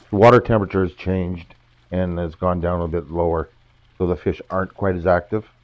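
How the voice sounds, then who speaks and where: An older man with a cold-roughened voice gives a casual, halting review of fish food for his pond, with his voice breaking upward now and then. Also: low-pitched, no echo. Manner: halting, pauses mid-sentence to find words. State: hoarse from a cold, voice cracking upward. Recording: dull lo-fi, dry sound.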